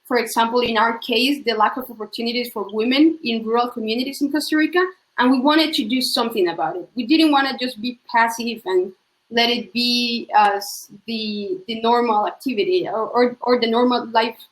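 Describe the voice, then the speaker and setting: A woman's voice: fairly high pitch, a little fast, echoey room, low-quality recording. A young woman, speaking reflectively as a panelist with many fillers. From Colombia. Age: young adult. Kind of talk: panel discussion answer.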